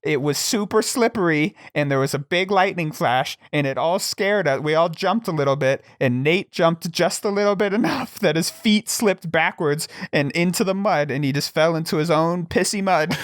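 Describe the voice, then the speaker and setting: A young adult man, a podcast guest, telling a comedic story in a casual, animated way, laughing and swearing as he goes. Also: on the high side, moderate pace, hardly any pauses, no echo, clean studio sound.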